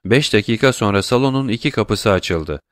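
A man's voice: moderate pace, no room sound, studio quality. Man narrating a classic novel. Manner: steady, lower-voiced narrating between dialogue. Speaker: audiobook narrator. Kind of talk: scripted narration.

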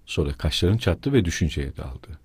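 Husky male audiobook narrator. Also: rumbling low, expressive, no room sound, clean studio sound. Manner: measured storytelling, voicing each figure. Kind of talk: literary narration.

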